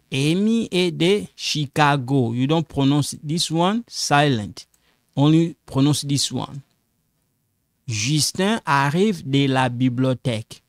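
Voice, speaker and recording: This French teacher, a middle-aged man, has a voice on the high side with a fairly bright tone, captured in the studio without echo. He teaches a classroom-style language lesson slowly, patiently and repetitively, in non-native English.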